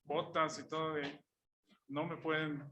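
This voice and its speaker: Man, pitched a bit high with a bright, forceful tone, preaching through a lively personal anecdote, voicing each person in it. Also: a little slow, highs cut off. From Mexico. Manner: storytelling, acts out dialogue, chuckles while telling it. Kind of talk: sermon illustration told as an anecdote.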